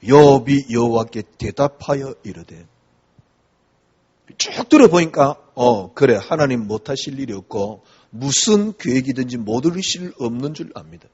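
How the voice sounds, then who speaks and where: A man's voice: mid-range voice, sing-song, a little slow, darkish tone, breathy edge. A middle-aged man preaching a sermon as pastor, talking conversationally and asking the congregation rhetorical questions. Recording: dull lo-fi recording.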